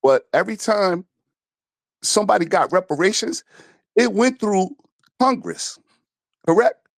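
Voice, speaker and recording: A man's voice: high-pitched, expressive, a little slow, gravelly, no echo. A man with a Brooklyn accent, a caller speaking in an informal, streetwise and insistent way in a casual debate. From Brooklyn, New York, USA. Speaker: caller to a talk show.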